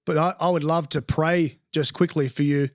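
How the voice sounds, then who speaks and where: A man's voice: on the high side, steady tone, moderate pace, dry recording, clean studio sound. A male podcast host closing an interview and leading a prayer in an affirming way.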